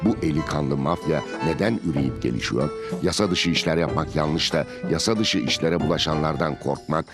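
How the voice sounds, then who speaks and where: A man's voice: rumbling low, moderate pace, few pauses. A man presenting a TV programme with dramatic scripted narration in theatrical, emphatic, rhetorical phrasing. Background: music.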